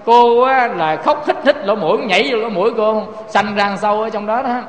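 A man's voice: high-pitched, brisk, roomy sound, big-room sound. A man with a Southern Vietnamese accent preaching a Buddhist sermon, asking rhetorical questions and turning to his listeners again and again. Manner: rhetorical questions, often addresses listeners directly.

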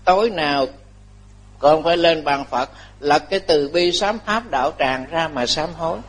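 A man, a Buddhist monk, giving a lively dharma talk to lay followers, joking often and repeating his phrases. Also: fairly high pitch, moderate pace.

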